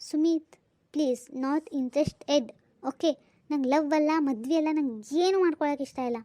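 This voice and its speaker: A woman with a North Karnataka Kannada accent voicing a brisk, scolding young office worker in a cartoon comedy. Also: sits high, dark tone, no room sound, close to an everyday voice. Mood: indignant.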